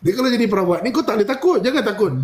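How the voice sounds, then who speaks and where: A man tells a story in a rapid, fairly high voice, acting out each exchange with sudden leaps in pitch. He sounds like a spiritual healer chatting casually on a live stream. Faint noise hums behind him. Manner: animated, acts out dialogue with big pitch jumps.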